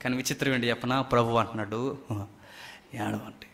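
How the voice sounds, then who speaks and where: A man preaching a sermon, swinging between loud emphatic cries and hushed near-whispers. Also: fairly high pitch, expressive, normal speed, a little hiss or hum.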